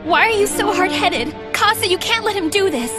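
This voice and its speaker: A woman's voice: very high voice, lively intonation, moderate pace. A woman voicing a pleading, protective young woman in an English anime dub, speaking emphatically. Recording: loud music behind the voice.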